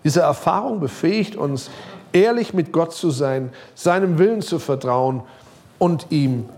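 Man, pastor, middle-aged, sermon, fairly high voice, casual direct address, lively rise and fall. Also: unhurried. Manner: lively preaching, pitch rising and sinking, some quiet passages.

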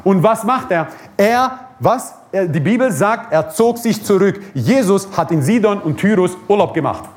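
A man's voice: sits high, animated, normal speed, hardly any pauses. A man preaching a sermon at a church service, emphatic, repeating his key phrases and chuckling now and then.

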